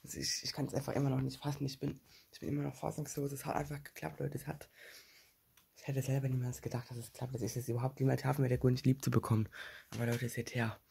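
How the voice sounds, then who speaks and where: Gravelly, excitable male vlogger. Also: medium pitch, fast. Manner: excitable, talks straight to viewers. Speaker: vlog host. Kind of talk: staged real-life prank vlog.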